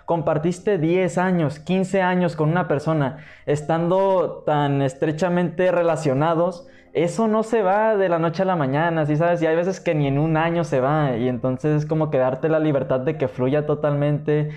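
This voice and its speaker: A man with a Mexican accent, talking bluntly in casual slang, in a quick conversational way. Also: on the high side, fairly even intonation, a little mellow.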